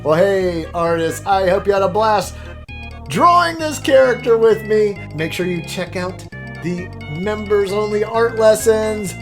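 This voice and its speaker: Speaking unhurriedly in a high voice, a male drawing instructor leads a relaxed step-by-step tutorial. He jokes and chats as he thinks out loud, and music plays in the background.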